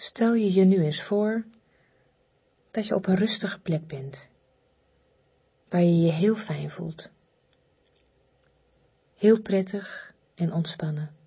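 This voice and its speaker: A woman leading a guided relaxation in a soft, breathy, near-whispered voice, soothing, hypnotic and repetitive, with long pauses. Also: mid-range voice, lo-fi sound.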